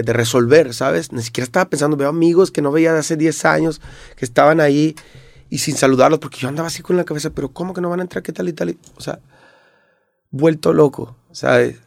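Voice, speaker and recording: Mexican rapper guest, gravelly voice, dry close sound, lively storyteller. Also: male voice, on the high side, dry recording. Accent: Mexican Spanish. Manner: animated retelling with acted-out quotes. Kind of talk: casual storytelling interview.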